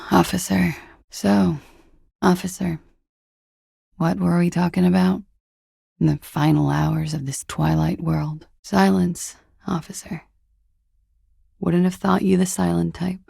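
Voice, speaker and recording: Klaasje, husky, creaky, jaded flirt. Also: female voice, on the low side, warm tone, no echo, studio quality, exaggerated voice. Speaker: video game character. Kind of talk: video game dialogue.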